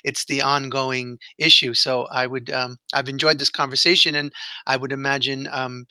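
A man hosting a podcast interview, speaking in a measured, agreeable, thoughtful way. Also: mid-range voice, level tone, bright, forceful tone, smooth, no echo. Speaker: podcast host.

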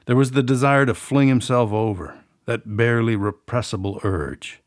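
A man's voice: mid-range voice, moderate pace, dry recording, clean studio sound. A middle-aged man, an author and podcast host, reading from his own novel and then rambling in a folksy, self-deprecating way.

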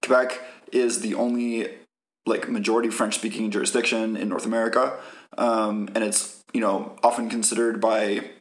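A man co-hosting a podcast explains political background in a long, casual ramble packed with "like" and "um." His fairly low voice stays level at a normal speed, and the recording is rough.

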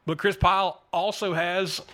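A talkative man hosting a podcast from a small studio, his voice sitting a bit higher than most men's. He wanders through his thoughts in a loose, friendly chat. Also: steady tone, a little slow. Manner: chatty and rambling, thinks out loud. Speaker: podcast host.

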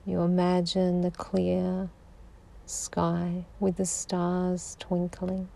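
Woman, sleep meditation guide, soothing, half-whispered, gravelly, flat. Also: lowish voice. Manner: slow, soothing, drifting into whispers.

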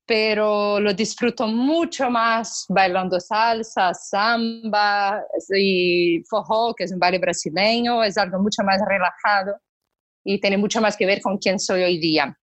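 A Brazilian woman talks in Spanish with a clear Portuguese accent on a podcast. Her pitch is mid-range, and she tells her story in a relaxed, thoughtful way with small pauses to find words. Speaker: podcast co-host. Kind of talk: casual podcast chat.

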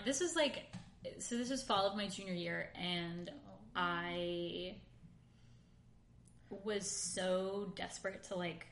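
A woman's voice: lowish voice, fairly bright tone, slight background noise. A woman in her late twenties telling a long, rambling, self-deprecating story as a podcast co-host, full of "like" fillers. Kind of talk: casual storytelling chat. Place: home room in Queens. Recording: roomy echo.

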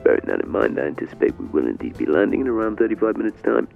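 Man as a morbid airline captain, deadpan intercom announcement, very lively swooping pitch, tinny speaker sound. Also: rapid-fire, gravelly, soft background music, full character voice. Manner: calm, matter-of-fact, polite announcer's phrasing. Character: heartbroken bitter male airline captain, calmly morbid. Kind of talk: comic in-flight announcement.

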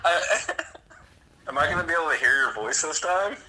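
A man calling in over a speakerphone, teasing the hosts in a dry, flat way during casual chat. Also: a little high, normal speed, slight background noise, low-quality recording. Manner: dry, teasing critique delivered flatly. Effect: heard over a speakerphone. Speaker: caller to the podcast.

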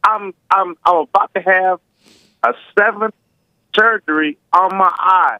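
A man calling in to a talk show, speaking casually and haltingly with slightly slurred words and slushy s sounds. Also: high voice, bright, forceful tone, no room sound. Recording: narrow tinny phone line.

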